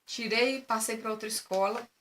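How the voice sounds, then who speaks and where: A woman's voice: on the high side, moderate pace, slight background noise. A woman, telling a personal story as a mother and acting out the dialogue. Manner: animated retelling, acts out dialogue in quotes. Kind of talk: casual storytelling to camera.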